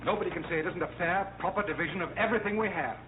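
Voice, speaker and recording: An impatient, indignant husband played by a man in a 1930s film drama, his voice a little high. It comes through thin and tinny, with clear soundtrack noise. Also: rapid-fire, close to an everyday voice.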